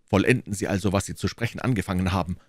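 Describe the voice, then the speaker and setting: A man voicing a bold, quick-tempered young swordsman in an audiobook, brash and exclaiming. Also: low-pitched, darkish tone, no echo, clean studio sound, lightly acted. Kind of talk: audiobook reading.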